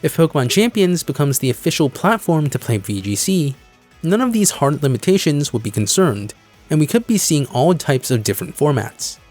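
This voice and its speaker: Man narrating with very lively intonation over music. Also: a little high, normal speed. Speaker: video creator and host. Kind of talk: scripted narration, video essay commentary. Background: background music.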